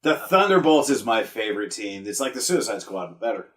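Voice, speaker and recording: A man's voice: fairly low pitch, very animated, brisk. A man co-hosting a podcast in casual chat, explaining at length with frequent "uh" fillers. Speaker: podcast co-host.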